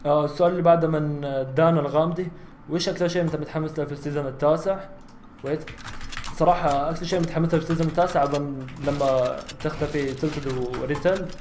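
Saudi teen gamer, quick and bright-voiced. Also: male voice, a little high, roomy sound, slight background noise. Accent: Saudi Arabic. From Saudi Arabia. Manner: chatty, bursts into loud exclamations during fights. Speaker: gaming YouTuber. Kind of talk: casual gameplay commentary with Q&A. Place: small room at home, seen on facecam.

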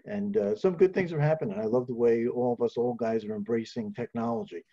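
A man's voice: mid-range voice, fairly quick, muffled recording. A man in his sixties giving rambling, encouraging remarks on a video call. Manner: warm, rambling, repeats words. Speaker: ministry leader. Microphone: video call with earbuds.

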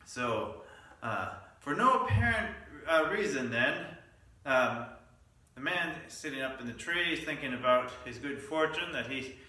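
With a bright, forceful tone, a male pastor in a church sanctuary preaches a midweek Lenten message at a measured pace. His mid-range voice is expressive as he tells stories, breaking off for asides and small restarts. The distant mic picks up the echo of the sanctuary.

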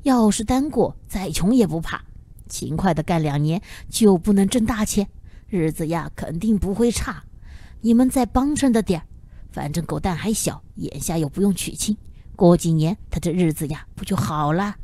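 A woman voicing an elderly village grandmother who talks in a calm, practical, gently scolding way in an audiobook. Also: lowish voice, moderate pace, pitched below the performer's own voice. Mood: calm advising.

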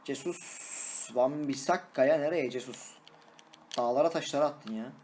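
A young man, a gaming YouTuber, giving excitable live commentary on his own match, shouting and singing at goals and teasing his opponent. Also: medium pitch, a little slow, slight background noise.

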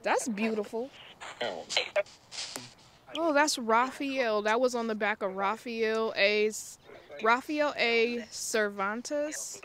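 A woman vlogging about the paranormal talks informally to viewers from an outdoor cemetery, wandering between topics and thinking out loud. Her voice is on the high side and a bit bright.

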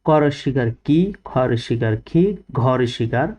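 A man's voice: medium pitch, a little slow, a little mellow. A man teaching a first-grade reading lesson, patiently asking questions and answering them himself.

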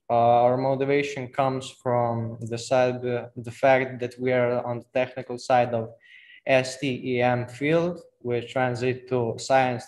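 A man's voice: medium pitch, darkish tone. A teenage boy from Slovenia with a Slovenian accent, presenting his school on a video call, reading slides with small slips. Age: teens. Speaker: student presenter.

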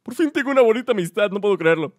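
A man's voice: sits high, lively intonation, racing, no room sound, studio quality. A man giving playful, joking commentary over his gameplay. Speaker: gaming YouTuber.

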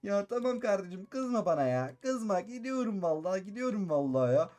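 A man excitedly narrating his Minecraft role-play, repeating each phrase and calling out to his viewers. His voice is high and he rattles along at a quick clip. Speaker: gaming YouTuber.

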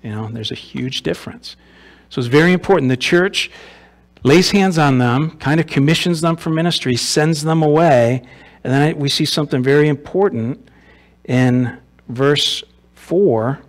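A man's voice: on the high side, normal speed. Conversational male pastor preaching. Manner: conversational, asks rhetorical questions, repeats words. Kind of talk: sermon. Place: church sanctuary.

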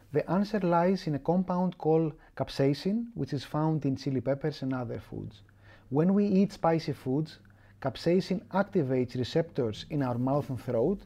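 A man giving a scripted explanatory narration over a food video. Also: fairly high pitch. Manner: explanatory, even delivery.

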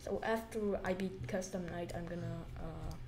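A woman's voice: on the low side, fairly even intonation, normal speed, crowd noise. A young woman giving let's play commentary, jumpy and muttering, shrieking at scares. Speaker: gamer.

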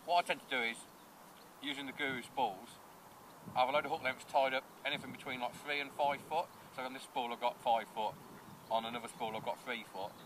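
A man in his thirties, an angling coach, explaining his rig and bait step by step in a relaxed, practical way, recorded outdoors by a lake. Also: medium pitch, a little hiss or hum. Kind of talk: instructional fishing talk. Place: outdoors at a lakeside fishery.

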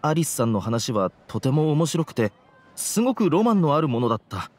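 A man's voice: a little high, sing-song, a little fast, darkish tone. A man voicing an anxious, dejected young student in an anime game, hesitant and earnest. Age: young adult. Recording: music under the voice.

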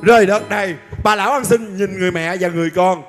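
A man hosting a live show, narrating a comic skit in a lively, hurried, joking way. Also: high voice. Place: outdoor traveling show stage. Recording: live stage with hall echo and loud music.

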